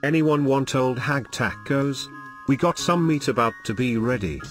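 A man's voice: medium pitch, moderate pace, soft background music. A man giving crude, brash comedic commentary while playing a video game. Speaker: gameplay commentator.

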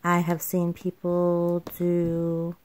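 A woman's voice: fairly low pitch, completely flat delivery, extremely slow, darkish tone. Tired, rambling woman craft vlogger. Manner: rambling, self-correcting, with fillers. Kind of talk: casual voiceover chat. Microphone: home voiceover microphone.

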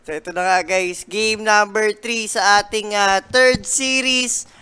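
A man casting a competitive video game match in casual commentary. He ribs his co-caster between calls and laughs in quick bursts. His delivery is loose and chatty. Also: high voice, steady tone, pushed and bright, smooth. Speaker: esports caster.

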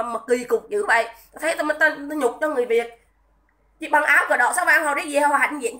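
A livestream commentator with a high, bright, forceful voice rants in a scolding and indignant manner. She repeats herself often and stops between tirades to greet viewers.

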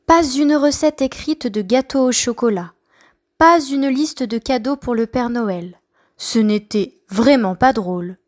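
A woman reading a children's story aloud, slowly and expressively. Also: on the high side, a little mellow.

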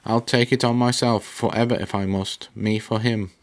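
A man's voice: on the low side, steady tone, normal speed, lightly acted. Mary, a defiant young woman voiced by a man. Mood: desperate. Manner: crying out, louder than the narration. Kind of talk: audiobook character voice.

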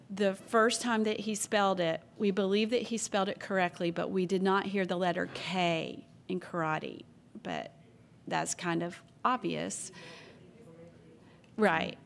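A woman acting as pronouncer at a spelling bee, reading out words, definitions and sample sentences in a measured, plain way. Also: medium pitch, steady tone, gravelly, a little hiss or hum. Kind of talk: announcing words at a public contest.

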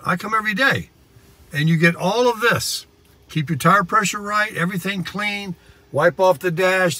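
A high, sharp-toned male voice with no echo belongs to an American man vlogging casually. He explains things conversationally and at a ramble, filming in a car and outdoors in a parking lot, with car and outdoor noise clearly in the background.

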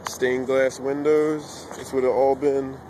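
A man casually walking a site outdoors, pointing out where rooms used to be in a flat, low-key way. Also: slow. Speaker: urban explorer filming. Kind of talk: casual walkthrough commentary. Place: outdoors on a cracked lot of a demolished site. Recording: handheld camera audio with clear background noise.

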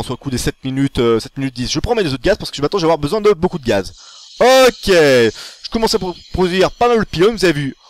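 A man talks through a gaming tutorial in casual, excitable commentary, full of fillers and quick self-corrections. His voice sits high and swings widely in pitch. The sound is close and dry, with no room around it. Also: no room sound.

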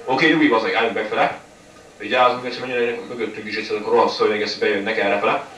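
A man's voice: on the low side, fairly even intonation, fairly bright tone. Male gamer, running commentary, nonstop swearing and frustrated outbursts; distant mic, echoey room. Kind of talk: live gameplay commentary. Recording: echoey room, mic far off, faint noise.

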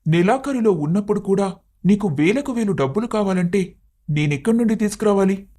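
A man voicing a patient young husband in an animated story, reasoning and pleading with his wife, now and then angry. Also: sits high, a little fast. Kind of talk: animated cartoon story voice acting.

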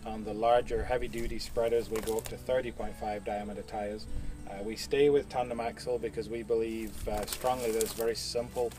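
A man's voice: on the low side, fairly even intonation, brisk, recorded from a distance, over music. A man in his thirties, a product specialist giving a casual outdoor equipment demo, with frequent fillers. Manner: casual, many fillers, explanatory. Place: outdoors at a farm equipment show.

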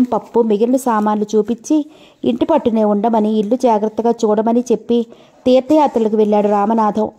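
A woman's voice: a little high, warm tone. A woman narrating an old family novel as an audiobook, telling the story steadily and speaking every character in her own voice.

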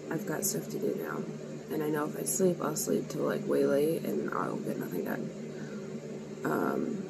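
A woman's voice: deep voice, vocal fry, heavy background noise. A tired woman in her twenties chatting candidly to camera in a rambling, self-deprecating way, with some swearing, partly outdoors in the cold and partly at home. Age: 20s. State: sleepy and worn out. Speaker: vlogger. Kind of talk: casual vlog chat.

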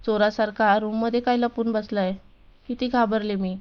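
A woman's voice: medium pitch, steady tone, smooth, dull audio, lightly acted. A woman voicing a young woman who pouts and scolds her fiancé lovingly, in a storybook reading. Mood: pouting. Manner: pouting, quick to scold.

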